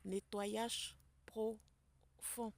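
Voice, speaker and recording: Woman tarot reader, hushed and soft-spoken, slightly gravelly voice, mid-range pitch. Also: flat delivery, very slow, slight background noise. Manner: speaks softly and quietly. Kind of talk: spiritual tarot reading to camera. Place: public place outdoors with people nearby.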